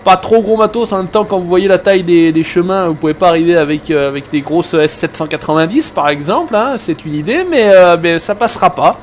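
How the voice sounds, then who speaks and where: A rambling, joking man from Savoie, France, talks his way through a farming game from home, his voice sitting a touch high for a man. He restarts sentences often and fills gaps with easy fillers, with a faint hiss of noise under his voice. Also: a little fast, few pauses. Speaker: gaming video host. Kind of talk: casual let's-play chat.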